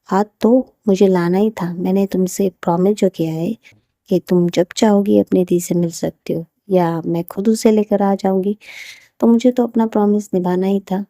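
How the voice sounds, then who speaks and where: A playful young woman who jokingly blames her wife in front of the family, as a woman narrator puts her on. The voice is mellow and gravelly and recorded dry and close. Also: mid-range voice, steady tone, normal speed, no echo, close to an everyday voice. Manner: teasing, protesting. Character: playful young wife, teasing sister-in-law. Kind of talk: storybook character voice.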